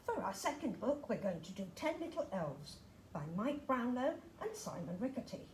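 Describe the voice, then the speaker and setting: Woman storytime reader: lively, fairly high, playful, echoey room. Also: moderate pace. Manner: expressive, sing-song, playful. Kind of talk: reading picture books aloud. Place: library room. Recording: roomy echo, faint hum.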